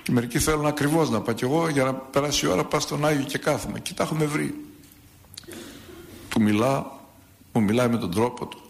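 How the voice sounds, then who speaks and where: A priest giving a sermon, telling a saint's story and acting out its dialogue, with rhetorical questions. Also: male voice, medium pitch, gravelly, long pauses.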